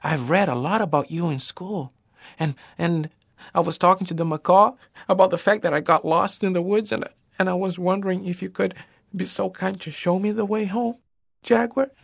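A man's voice: sits high, normal speed, creaky, no echo, clean studio sound. A man doing a frightened, pleading little boy. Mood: polite pleading. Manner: pleading, breathless, stumbling over words. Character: scared lost young boy.

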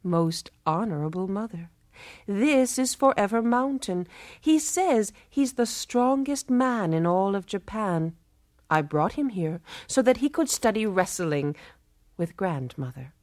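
A woman's voice: mid-range voice, lively intonation, a little mellow, dry recording, clean studio sound, lightly acted. Woman voicing a teasing, clever young woman. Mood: polite. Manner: brisk and playfully scolding.

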